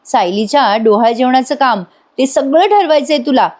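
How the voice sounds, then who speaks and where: A woman's voice: high-pitched, lively intonation, normal speed, a little mellow. A woman reading the lines of a kind middle-aged mother-in-law who fusses in a motherly way.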